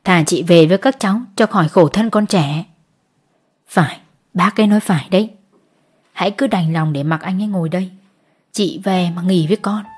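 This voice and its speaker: A woman's voice: on the low side, moderate pace, pauses often, a little mellow, slightly rough. A woman voicing sympathetic fellow prisoners, village men, who kindly advise the wife.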